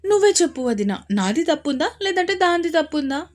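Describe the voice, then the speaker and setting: A woman's voice: sits high, sing-song, brisk, voice pushed up. A woman voicing a cheeky young man who jokes and bickers with his sister. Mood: playful. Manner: joking, bickering. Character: cheeky playful young brother-in-law, man.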